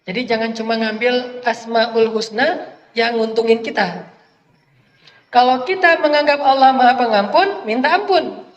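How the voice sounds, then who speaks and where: A male preacher telling a religious story in a casual, conversational sermon, animated and chatty. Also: very high voice, unhurried, long pauses, dull audio. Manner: conversational, animated retelling with acted quotes. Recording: echoey hall, faint noise.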